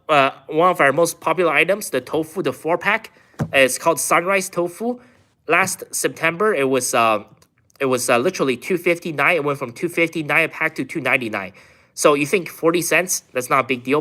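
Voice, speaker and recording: Speaking at normal speed in a slightly high, bright, forceful voice, a Chinese man runs a casual live stream. He reads chat questions aloud and answers in a rambling way, packed with filler words and lots of "like"s.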